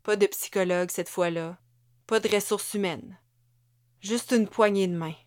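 A woman's voice: mid-range voice, fairly even intonation, a little slow, a little mellow, lightly acted. A woman voicing a blunt, shaken woman who has just lost her job, speaking in clipped, terse sentences. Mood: flat, shaken. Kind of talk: audiobook character voice.

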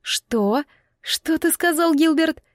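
A woman's voice: mid-range voice, normal speed, no echo, studio quality, natural voice. A woman voicing a defiant, hot-tempered young bride who talks back sharply. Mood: shocked.

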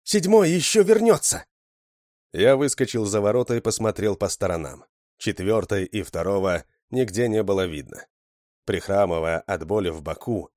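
A man with a very low voice narrates a story in steady, scripted style. His reading is even and measured. The sound is close and dry. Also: no echo. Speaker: audiobook narrator.

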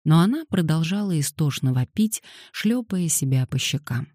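Low, dark-voiced woman reading an audiobook. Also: animated, moderate pace, no room sound, clean studio sound. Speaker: audiobook narrator. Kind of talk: scripted audiobook narration.

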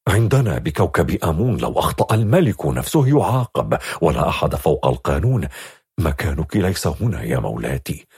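A man voicing a calm, protective man from another planet who speaks in a grave, steady way. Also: low voice, husky, no echo, clean studio sound, full character voice.

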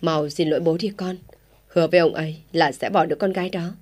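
A woman's voice: deep voice, steady tone, quick pace, darkish tone. A woman voicing a worried pleading mother. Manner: urgent pleading.

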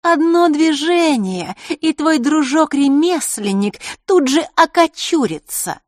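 A sweetly scheming teenage girl, played by a woman narrator taunts in a high, sing-song voice that swoops all over. The audiobook recording is dry and close. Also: lively intonation, takes it slowly, no echo. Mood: taunting. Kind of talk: audiobook character reading.

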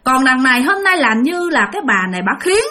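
A woman with a high, lively voice tells a ghost story. She keeps it conversational and turns to her listeners again and again, and her pitch moves up and down freely. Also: brisk. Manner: conversational, addresses listeners directly. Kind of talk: oral ghost story narration.

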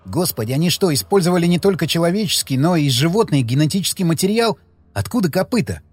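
A man's voice: on the high side, animated, fast talker, slightly rough, no room sound. A man voicing a shaken adult man in an audiobook, muttering anxiously. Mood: horrified. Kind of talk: audiobook character voice.

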